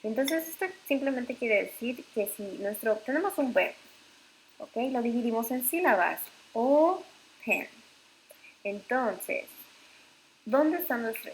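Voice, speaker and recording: A woman explains English grammar with slow, unhurried pacing and a gravelly, fry-tinged voice, her pitch sitting a little high. She corrects herself often along the way. A faint hiss sits under the recording. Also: rough recording. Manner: slow, patient, with frequent fillers and self-corrections. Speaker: English teacher.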